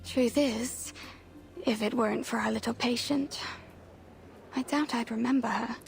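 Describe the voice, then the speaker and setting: An actress playing a cool, confident young female competitor in a game, speaking in a slow, measured way. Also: on the high side, steady tone, creaky. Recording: game audio with music behind.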